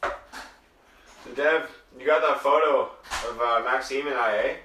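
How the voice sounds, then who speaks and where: A man's voice: mid-range voice, slow pace, bright, forceful tone. Young man telling a rambling story. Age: young adult. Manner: swearing storyteller, acts out quotes. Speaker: podcast co-host. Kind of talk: casual chat. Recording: echoey room, far mic, faint noise.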